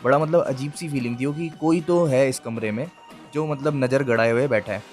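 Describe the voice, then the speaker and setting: A young man at an everyday middle pitch, telling a ghost story from his own life. He talks in a loose, conversational way and keeps turning to his viewers. Soft music runs underneath. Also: moderate pace. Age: young adult. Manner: chatty, addresses viewers, frequent filler checks. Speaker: YouTube storyteller. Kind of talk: casual first-person ghost story narration.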